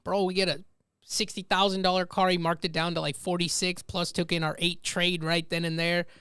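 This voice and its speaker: A man co-hosting a casual business podcast, telling a story in a lively way, acting out what people said and swearing freely. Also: sits high, brisk, clear, resonant tone, no room sound, clean studio sound. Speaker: podcast co-host. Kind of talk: casual chat.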